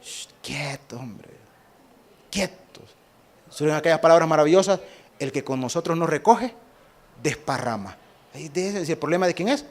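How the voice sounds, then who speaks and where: A man with a Salvadoran accent preaching a sermon as pastor, animated, asking the congregation rhetorical questions and acting out quick exchanges. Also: a little high. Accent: Salvadoran Spanish. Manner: acts out quick exchanges in different voices.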